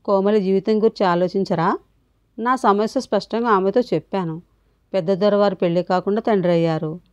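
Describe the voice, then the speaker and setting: A woman's voice: medium pitch, steady tone, brisk, no room sound, muffled recording, close to an everyday voice. A woman reading the part of a middle-aged male judge who asks pointed, matter-of-fact questions. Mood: probing.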